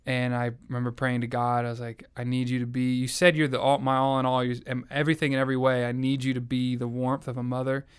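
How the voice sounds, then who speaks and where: Talking fast with few pauses, a young adult man from the American South shares his faith story as an interviewee. He is earnest, reflective and conversational, and his smooth, clear voice holds a fairly flat, even pitch.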